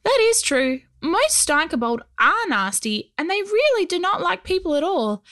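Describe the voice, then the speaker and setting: A woman voicing a tiny, gravelly male stone goblin in a storybook reading, polite but cheeky. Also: very high voice, very animated, normal speed, fairly bright tone, voice pushed up, exaggerated voice. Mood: friendly.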